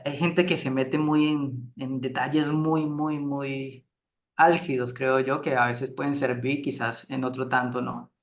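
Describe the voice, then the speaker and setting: A man giving a relaxed lecture on facilitating groups, often checking in with his listeners. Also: mid-range voice. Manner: unhurried, checks in with frequent "¿sí?".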